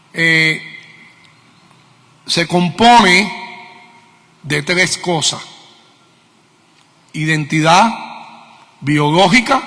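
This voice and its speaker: A middle-aged Cuban man with a Cuban Spanish accent preaches a sermon in a church meeting hall, where the long reverb of the hall trails his words. His voice is on the high side with a sharp tone, and he teaches emphatically, posing questions and repeating key words.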